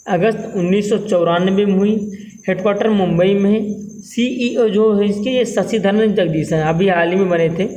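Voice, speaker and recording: A man's voice: high-pitched, darkish tone, rough recording. A man teaching exam-prep current affairs as a lecture, repeating each question and tagging lines with "theek hai", in a North Indian Hindi accent.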